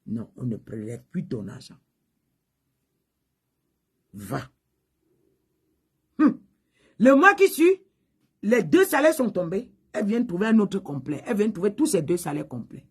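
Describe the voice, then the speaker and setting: A woman pastor preaching a sermon, telling a testimony with loud high exclamations and low hushed asides. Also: very animated, a little slow, pauses often. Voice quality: husky.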